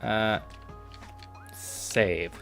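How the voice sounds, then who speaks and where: Low-voiced man streaming a game. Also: very slow, creaky, soft background music. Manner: relaxed, reads out game menus with filler ums. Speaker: gaming streamer. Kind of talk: casual let's-play commentary.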